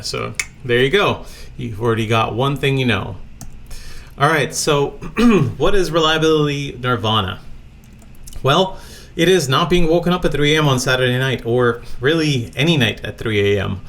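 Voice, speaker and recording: A man's voice: medium pitch, fairly bright tone. A man from Latvia presenting a recorded conference talk from a home office, speaking casually with many fillers.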